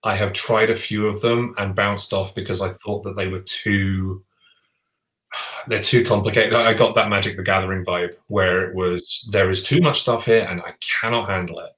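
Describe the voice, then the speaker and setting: This podcast co-host is a man with a fairly low, slightly bright voice who talks about board games at a moderate pace with fairly even intonation. He's chatty and eager, often starting sentences over, and the relaxed conversation rings with roomy echo.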